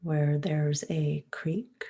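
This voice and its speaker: Speaking in a low, husky voice, a woman leads a guided meditation. She is soft, calm and soothing, never rushing, and leaves long pauses with a breath at the end of each phrase.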